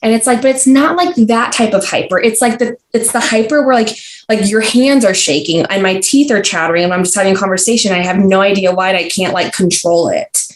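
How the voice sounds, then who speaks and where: A young woman speaks as a podcast guest, her voice mid-pitched and carrying a noticeable room echo. She rambles casually, leaning on fillers and restarting her sentences as she goes. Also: a little fast, a little hiss or hum. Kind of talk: casual conversational interview. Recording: roomy echo.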